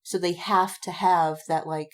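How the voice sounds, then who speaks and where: This time the woman co-host speaks a little slowly in a low, steady voice. In casual podcast conversation she tells meandering stories, acting out quotes and swearing often.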